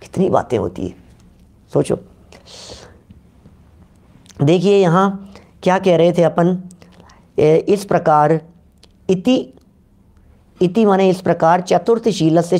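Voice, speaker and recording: Hindi-speaking man giving a religious discourse. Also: high-pitched. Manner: lively, questioning listeners, reciting scripture slowly. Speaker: Jain scholar giving a discourse.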